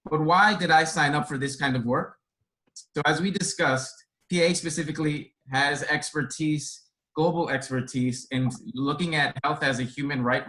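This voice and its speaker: A care resource coordinator from Boston, United States, whose first language is Spanish, answers a webinar panel question over a video call. He responds earnestly and reflectively in long, winding sentences. His voice is fairly high, bright and forceful, and the audio quality is poor.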